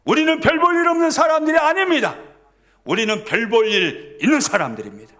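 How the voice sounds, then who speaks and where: High, lively pastor preaching. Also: male voice, a little fast. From South Korea. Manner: call-and-response preaching, swinging from loud emphatic highs to soft low lines. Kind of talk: sermon.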